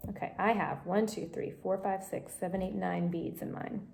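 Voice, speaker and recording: A woman's voice: mid-range voice, steady tone, moderate pace, vocal fry, a little mellow, a little hiss or hum. A woman teaching a home craft tutorial on a phone camera, explaining each step patiently and coaching a child beside her. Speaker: craft instructor.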